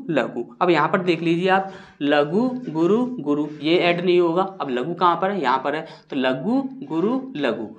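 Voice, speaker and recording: A man's voice: high voice, a bit bright. Male tutor explaining step by step. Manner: explains step by step, asks and answers his own questions; sounds out syllables slowly and with stress. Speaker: Hindi grammar teacher. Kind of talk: classroom-style lesson.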